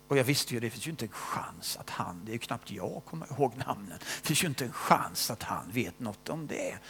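Older preacher, animated and gravelly. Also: male voice, mid-range voice, slight background noise. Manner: animated, swinging between loud stress and hushed whispers; often ends phrases with a questioning "va?". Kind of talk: sermon with personal testimony.

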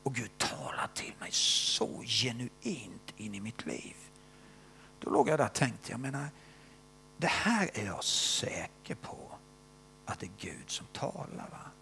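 An older man preaches and tells his own testimony in a voice with a gravelly, creaky texture. His pitch rises and falls widely, swinging from loud emphasis down to hushed, whispered asides. He keeps tagging short questions onto his sentences, as if checking in with the listeners. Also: sing-song, a little hiss or hum. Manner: often ends phrases with a questioning "va?". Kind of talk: sermon with personal testimony.

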